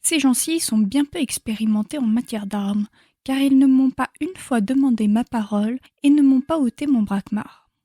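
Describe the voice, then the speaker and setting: A woman's voice: high-pitched, moderate pace, warm tone, dry recording, clean studio sound. A woman reading an audiobook voices a fierce warrior monk who mocks and threatens his enemy. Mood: mocking threat. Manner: sardonic, threatening. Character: fierce mocking warrior monk, adult man.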